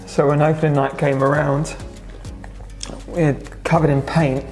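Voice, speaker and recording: A young English restaurant owner, slightly high-voiced with little pitch movement and a darkish tone, speaks at normal speed to the camera in a big indoor space, giving a vlog update on his restaurant's renovation. He's casual and matter-of-fact, saying "so" and "obviously" a lot, with soft music underneath.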